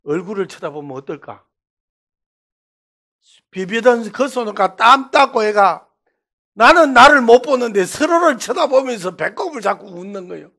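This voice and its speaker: Middle-aged male preacher, Gyeongsang accent, high voice, animated revival-sermon storyteller. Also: normal speed, pauses often. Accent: Gyeongsang Korean. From Daegu, South Korea. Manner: animated storytelling, swinging between loud bursts and hushed asides. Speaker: pastor.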